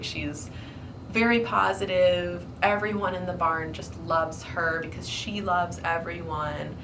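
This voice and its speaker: A woman's voice: lowish voice, recorded from a distance, noisy background. Congested young woman rambling casually. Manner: rambling, many ums and likes. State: congested from flu. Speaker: hobby collector vlogger. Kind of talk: casual chat to camera.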